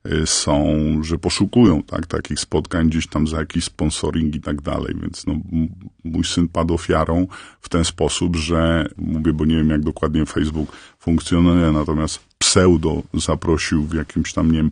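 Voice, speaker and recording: A man whose voice is altered to disguise him for anonymity. He speaks haltingly and earnestly as a parent guest in a radio interview. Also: little pitch movement, vocal fry, darkish tone, no echo. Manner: halting, earnest, searching for words. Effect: voice electronically altered and lowered to stay anonymous.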